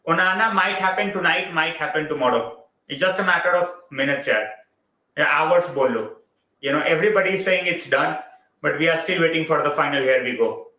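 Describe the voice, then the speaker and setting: A man's voice: fairly high pitch, quick pace, bright, forceful tone, reverberant, rough recording. A man with an Indian English accent hosting a casual football live stream, chatting loosely, slipping into Hindi and greeting viewers by name.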